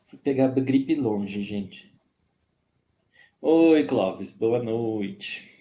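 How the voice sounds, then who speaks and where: Guy with a cold hosting a live stream, hoarse voice, takes his time, kind of echoey room. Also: medium pitch, animated, mellow. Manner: slow, friendly, greets viewers by name. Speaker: host of a spiritist live stream. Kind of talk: casual greetings to live chat viewers.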